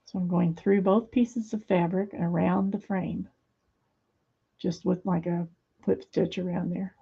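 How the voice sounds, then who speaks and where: A middle-aged woman with a low, gravelly voice talks casually in her home craft studio. She rambles and hesitates with plenty of fillers. The recording sounds a little dull and muffled. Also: fairly even intonation, measured pace, warm tone. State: hands a little weak, fumbling. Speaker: craft video host.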